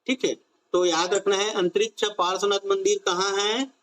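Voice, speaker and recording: A man's voice: high voice, fairly even intonation, moderate pace, a bit bright. A man teaching an online exam-prep class on current affairs, drilling students with repeated questions and stretching out key phrases.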